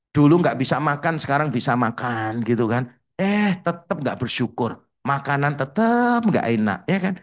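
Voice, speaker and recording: Male pastor, slightly high voice, lively storyteller in the pulpit. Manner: animated storytelling, acts out quotes with pitch jumps; mixes English phrases into his preaching. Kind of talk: sermon.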